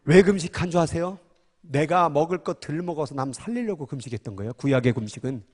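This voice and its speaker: A man's voice: a little high, lively intonation, fast. A man preaching a sermon as pastor, fervent and emphatic, with filler-laden passionate delivery. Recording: long hall reverb.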